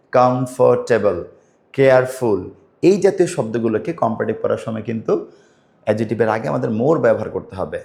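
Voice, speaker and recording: A man with a Bangladeshi accent explaining grammar to students in a patient lesson, repeating key words slowly. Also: medium pitch, darkish tone. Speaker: English grammar teacher.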